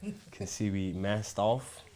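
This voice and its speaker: A man's voice: lowish voice, slow, a loud crowd. Laid-back man, casual chat. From South Africa. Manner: laid-back, slangy, laughs easily. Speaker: podcast guest.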